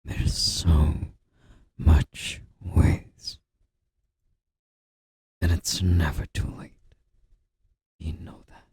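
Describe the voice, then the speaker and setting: A man doing a whispered role-play as a comforting boyfriend, speaking in a soft, breathy, intimate murmur with a husky, gravelly edge, close to the microphone. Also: low-pitched, level tone, dry recording. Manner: slow, gently reassuring boyfriend-style comforting.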